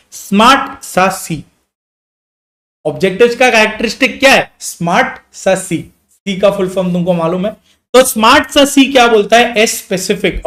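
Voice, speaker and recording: A man's voice: high voice, roomy sound. A young man teaching an exam revision lecture, asking questions and answering them himself, mixing in English terms as he explains. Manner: explains in quick Hindi mixed with English terms, asks and answers own questions.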